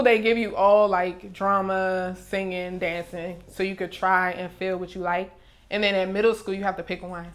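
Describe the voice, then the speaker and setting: Young woman telling stories casually. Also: medium pitch. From Maryland, USA. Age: 20s. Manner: relaxed storyteller, laughs easily. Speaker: music artist guest. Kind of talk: casual interview chat. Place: recording studio.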